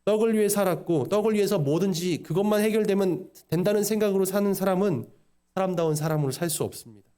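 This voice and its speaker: A man preaching a sermon as pastor, voicing quotes and questions along the way. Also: high voice. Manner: preaching with quick, animated delivery and voiced quotes.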